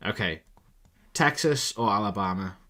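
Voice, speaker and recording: A young man with a somewhat low voice talks through a live stream in loose, casual commentary. He thinks aloud as he goes, sounds exasperated and swears freely. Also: animated, normal speed, pushed and bright. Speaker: live-streaming forex trader.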